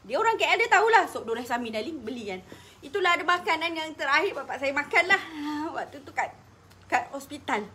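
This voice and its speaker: A woman's voice: high-pitched, expressive, a little fast, pushed and bright, slight background noise. A woman with a Malaysian accent, chatting through a cooking demo in her kitchen while telling personal stories, laughing often. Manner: talkative, laughs often, emotional storytelling. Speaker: cooking vlogger. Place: home kitchen.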